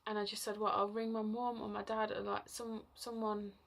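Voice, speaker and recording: Chatty woman with a gravelly edge. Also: mid-range voice, flat delivery, normal speed, fairly bright tone. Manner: chatty, full of fillers, emotional at times. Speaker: vlogger. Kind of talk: rambling personal storytelling.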